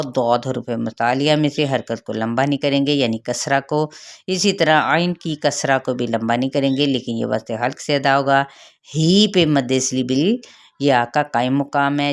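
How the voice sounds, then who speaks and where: Woman teaching tajweed slowly. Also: extremely low pitch. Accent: Pakistani Urdu. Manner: slow, drawn-out sounding of each word, then quick explanations. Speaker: Quran recitation teacher. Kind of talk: tajweed lesson, explaining rules word by word.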